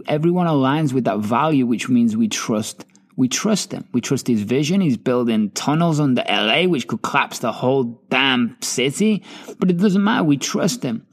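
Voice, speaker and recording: A man hosting, giving emphatic motivational commentary between clips, with casual swearing. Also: mid-range voice. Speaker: host.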